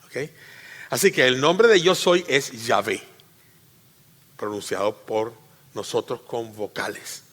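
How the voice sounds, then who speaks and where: A male pastor preaching a teaching sermon in church, repeating phrases, asking the congregation questions, and swinging between emphatic loud peaks and quiet asides. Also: medium pitch, slow, long pauses. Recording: reverberant hall.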